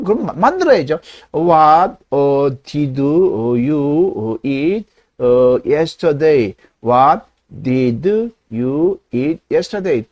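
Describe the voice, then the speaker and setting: A man's voice: a little high, darkish tone, muffled recording. A middle-aged man teaching an English lesson, emphatic and asking the audience rhetorical questions. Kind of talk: lecture.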